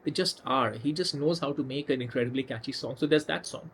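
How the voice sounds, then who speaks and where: A man's voice: mid-range voice, brisk, fairly bright tone, a little hiss or hum. A man hosting a casual storytelling video, talking conversationally with restarts and emphatic asides. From India. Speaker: music channel host.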